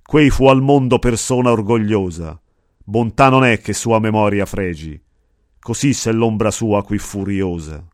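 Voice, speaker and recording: A man voicing a wise old male poet guide, speaking in calm, measured verse. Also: lowish voice, no room sound, clean studio sound, natural voice. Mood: solemn. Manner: measured, solemn recitation of verse.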